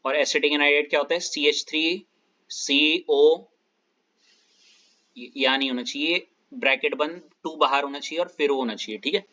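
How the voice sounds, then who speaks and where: A male chemistry teacher with a slightly high, sharp, forceful voice, walking students through reactions one step at a time and checking in with them after each point. The sound is dull and lo-fi, like audio from an online class. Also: normal speed.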